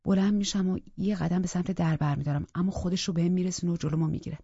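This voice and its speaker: A woman narrating a psychological thriller audiobook in the first person, in a tense, intimate manner with a husky voice. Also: fairly low pitch, fairly even intonation, mellow, dry recording, highs cut off.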